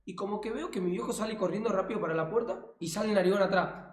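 This is a young man from Argentina, speaking with a Rioplatense accent. His voice sits high and the words tumble out fast as he excitedly tells a street anecdote. The room gives back a clear echo. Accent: Rioplatense Spanish. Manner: rapid, excitable anecdote-telling with slang. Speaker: streamer. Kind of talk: casual chat, storytelling. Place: streaming room at home.

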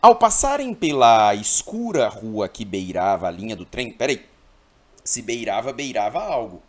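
A man's voice: lowish voice, very animated, measured pace, a little mellow. A man from Brazil teaching an exam-prep grammar lesson, emphatic and always checking in with his listeners.

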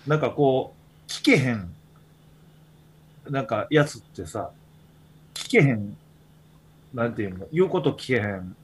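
A man's voice: mid-range voice, expressive, a little slow, pauses often, slight background noise. A man with a Kansai accent, hosting a podcast in casual chat, telling rambling stories full of fillers. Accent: Kansai Japanese. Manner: rambling storytelling with many fillers. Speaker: podcast host.

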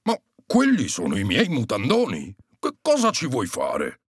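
A man voicing a jolly, kindly old Santa Claus, calm and unhurried, in a children's storybook reading. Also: medium pitch, husky, no room sound, clean studio sound, heavily acted. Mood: good-natured.

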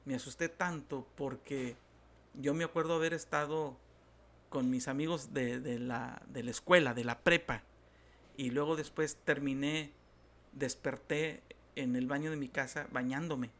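A man who is a pastor with a northern Mexican accent, telling stories in a talk-show interview, animated and acting out the voices of the people he quotes. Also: mid-range voice, a little slow.

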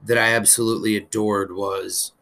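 A man's voice: on the low side, normal speed, gravelly. A man co-hosting a casual wrestling news chat, an eager fan who talks with lots of "um" fillers and the odd curse word. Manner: excited fan talk with frequent "um" fillers and some cursing. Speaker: podcast co-host.

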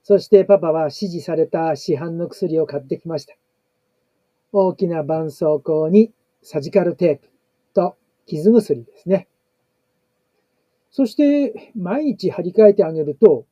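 Husky, dark-voiced man reading slowly. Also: high-pitched, dry recording. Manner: slow, measured reading with pauses. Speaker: narrator. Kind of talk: reading a family blog story.

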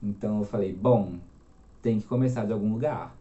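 A young man in his twenties from Minas Gerais tells his story as an interview guest, chatty and animated. His voice sits at a middle pitch with a dark, mellow tone. The recording is roomy and a little dull. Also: fairly quick. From Minas Gerais, Brazil. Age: 20s. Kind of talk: casual interview chat.

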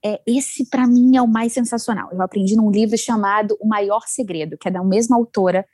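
A woman chatting casually about self-help ideas, animated and acting out inner voices. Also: medium pitch, fairly quick, no echo. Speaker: guest sharing self-help advice. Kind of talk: casual chat.

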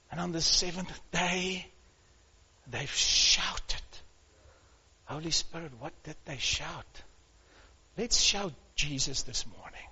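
A man preaching a sermon, calling out to his congregation and building to shouts. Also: sits high, breathy edge, dull audio. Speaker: pastor.

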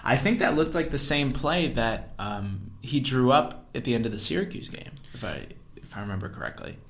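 A young man, a student fan, co-hosting a casual sports podcast, talking in a relaxed way with many fillers and restarts. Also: mid-range voice, moderate pace.

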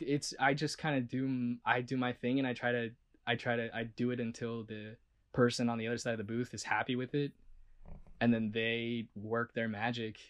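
Male voice actor, mid-pitched, chatty and rambling, honest interview tone. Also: a bit bright. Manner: rambling, full of "like" and restarts; earnest and self-reflective. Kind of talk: casual interview talk.

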